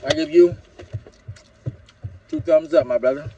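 A man's voice: on the high side, unhurried, muffled recording, music in the background. A young man vlogging in a loose, joking way, cursing and bantering while he shops at an outdoor swap meet. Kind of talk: casual vlog chat. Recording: crowd noise outdoors.

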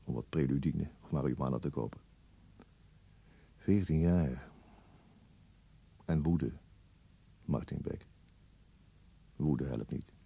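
In a radio play monologue, a male actor portrays a weary, brooding police detective with a husky, gravelly bass voice and a warm tone. He performs heavily, speaking deliberately in a resigned and bitter mood.

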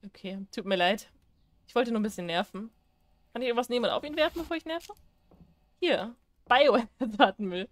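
A woman's voice: on the high side, expressive, fairly quick, pauses often, dry recording. A woman playing a horror game and commenting on it, chatty and teasing, reading on-screen prompts aloud and laughing often. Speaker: gaming YouTuber. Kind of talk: let's play commentary.

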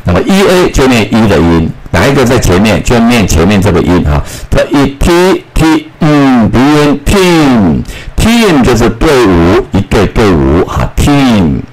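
A man teaching schoolchildren English phonics, repeating each word slowly and drilling the sounds. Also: medium pitch, big pitch swings, darkish tone, poor audio. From Taiwan.

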